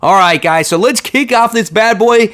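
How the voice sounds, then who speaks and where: A man's voice: high voice, moderate pace, a bit bright, a little hiss or hum. A man presenting a top ten countdown as a video host, talking informally and conversationally straight to his viewers. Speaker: comic book reviewer and channel host.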